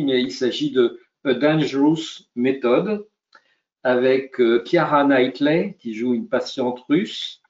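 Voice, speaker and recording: A man speaking as a coaching guest on a webinar, slow and calm, retelling a film scene. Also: medium pitch. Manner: slow, thoughtful, soothing. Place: video call. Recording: roomy, lo-fi call audio.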